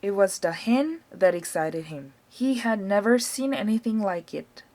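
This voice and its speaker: A woman with a Korean accent reading a children's novel aloud in a clear, even storytelling voice. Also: mid-range voice, measured pace. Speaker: audiobook reader.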